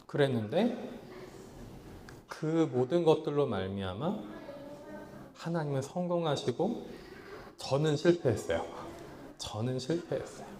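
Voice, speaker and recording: A man preaching a sermon as pastor, swinging between loud pleading lines and low hushed ones, acting out his own past thoughts in quotes. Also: lively intonation, measured pace, long pauses, slight background noise. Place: small church hall.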